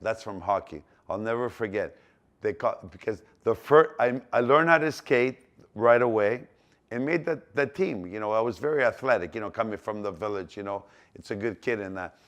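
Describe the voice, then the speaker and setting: A Greek-born man in his sixties speaks English with a Greek accent in a somewhat low voice. He rambles through memories with many fillers, false starts and repeated phrases. He sounds like someone chatting casually rather than reading a script. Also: animated, normal speed, a bit bright. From Greece. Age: 60s. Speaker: business owner telling his life story. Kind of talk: casual personal storytelling.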